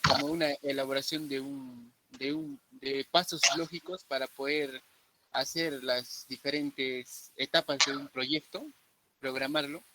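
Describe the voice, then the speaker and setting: A man's voice: medium pitch, steady tone, unhurried, background noise. Hesitant young man answering in class. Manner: hesitant, searching for words. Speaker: student. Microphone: video call.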